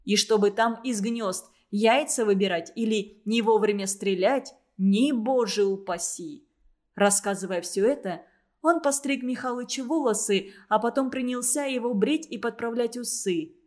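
Woman reading a story aloud, kinda high voice, steady and expressive. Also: a little slow. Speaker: narrator. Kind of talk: storybook narration.

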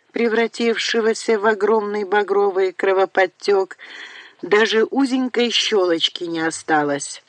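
A woman narrating an audiobook in a measured, unhurried way, recorded on a close studio mic. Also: fairly low pitch, no echo.

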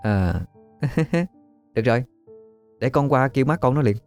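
A man voicing a spoiled, sharp-tongued young woman in a spoken ghost story. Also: medium pitch, animated, a little slow, clean tone, no room sound, soft background music, pitched above the performer's own voice. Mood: sly.

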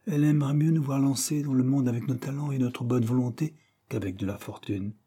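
A man's voice: medium pitch, fairly even intonation, fairly quick, mellow, husky, close to an everyday voice. A man voicing an earnest, polite schoolboy who speaks eagerly and respectfully.

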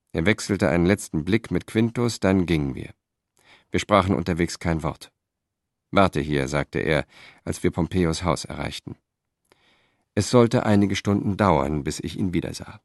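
A man narrating an audiobook in a measured, even reading style. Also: low voice, no room sound, studio quality. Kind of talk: scripted narration.

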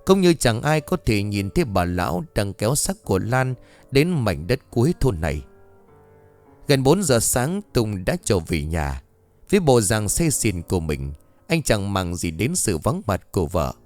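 A man's voice: fairly low pitch, very animated, measured pace, darkish tone, faint music behind. A man reading a ghost story aloud with dramatic expression.

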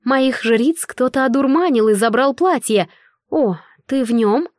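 High priestess, brisk, authoritative, watchful, read by a woman, higher voice, dry sound. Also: expressive, darkish tone, no echo.

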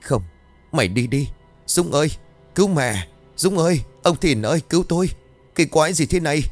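Frantic village mother voiced by a man in an audio horror tale, pitched high and pleading. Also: animated, a little fast, soft background music, natural voice. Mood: panicked. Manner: anxious, pleading calls. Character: frightened rural mother searching for her son.

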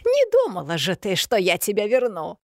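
A woman's voice: mid-range voice, wildly swooping pitch, moderate pace, no echo, studio quality, pitched above the performer's own voice. A woman voicing a spiteful old witch who talks with sneering, gloating scorn.

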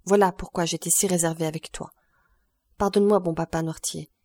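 A woman's voice: on the low side, steady tone, fairly quick, dark tone, no room sound, clean studio sound. A woman reading an audiobook, voicing an earnest young woman who speaks anxiously and affectionately to her grandfather. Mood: pleading.

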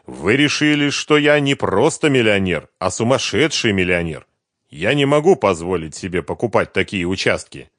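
A man's voice: fairly low pitch, lively intonation, normal speed, fairly bright tone, no echo, studio quality. A man voicing a weary divorced father who answers in a firm, exasperated voice.

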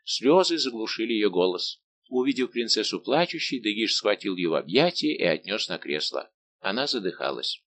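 A man narrating a historical novel as an audiobook in an expressive reading style. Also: lowish voice, normal speed, a little hiss or hum.

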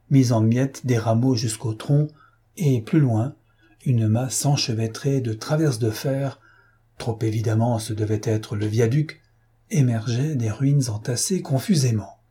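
A man reading a classic short story aloud in a measured, dramatic narration. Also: mid-range voice, mellow, husky. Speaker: audiobook narrator. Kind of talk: scripted literary narration.

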